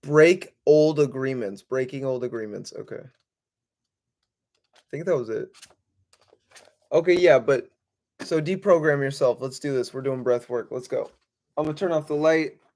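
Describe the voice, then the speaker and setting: A man's voice: medium pitch, normal speed, pauses often, a little mellow. A man coaching in a casual, rambling, slangy livestream style. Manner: slangy, profane, informal. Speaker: spiritual coach and host.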